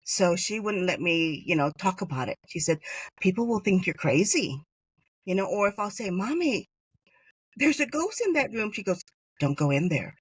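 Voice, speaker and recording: A woman's voice: mid-range voice, big pitch swings, moderate pace, breathy edge, dry recording. Chatty woman from Hawaii, dry sound. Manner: chatty, many fillers, laughs while telling stories. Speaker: guest. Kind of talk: conversational storytelling interview.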